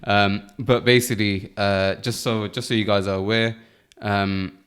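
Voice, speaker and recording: Thirties bloke, low-ish voice, teasing co-host banter. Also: male voice, little pitch movement, measured pace, a bit bright, smooth. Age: 30s. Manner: jokey, teasing, chatty. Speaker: podcast co-host. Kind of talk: casual chat.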